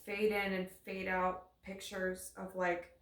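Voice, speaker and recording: Casting: woman, gravelly fry, echoey room, halting and searching unscripted narration of what she senses. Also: medium pitch, monotone, fairly bright tone. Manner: halting, searching, trails off mid-phrase. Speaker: paranormal investigator receiving in a spirit box session. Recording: roomy, echoey sound.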